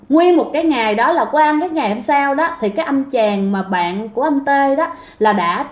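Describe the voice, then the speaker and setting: A woman tells a ghost story in a relaxed, chatty way and keeps turning to her listeners. Her voice is high. The recording has a roomy echo. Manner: chatty, addresses listeners directly. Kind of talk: casual spoken storytelling.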